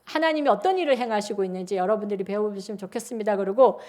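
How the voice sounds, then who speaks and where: A woman in her sixties, a pastor preaching a sermon in a church, telling personal stories in an animated, chatty way. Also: mid-range voice, very fast. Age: 60s. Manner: animated, chatty storytelling with acted-out quotes. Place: church sanctuary.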